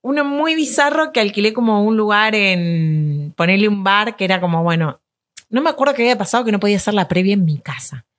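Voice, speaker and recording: A young woman with a Rioplatense Spanish accent tells an anecdote on a podcast. Her mid-pitched voice stays relaxed and easygoing. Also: fairly quick. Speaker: podcast co-host. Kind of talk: casual chat.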